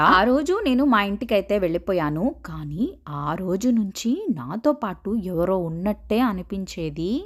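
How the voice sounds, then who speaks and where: A woman narrating a first-person horror story in a steady, even storytelling manner. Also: medium pitch.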